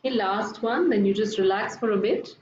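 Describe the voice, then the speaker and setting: A woman instructing a yoga breathing class in a gentle, soothing, unhurried murmur, guiding people to relax. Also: mid-range voice. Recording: echoey room, dull lo-fi, faint noise.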